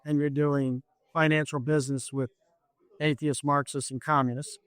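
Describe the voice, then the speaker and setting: A man's voice: a little high, flat delivery, moderate pace, fairly bright tone, clear, resonant tone, dry recording. A man running for office, talking in an interview in an emphatic, lecturing way, repeating his points. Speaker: political candidate. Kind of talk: campaign interview.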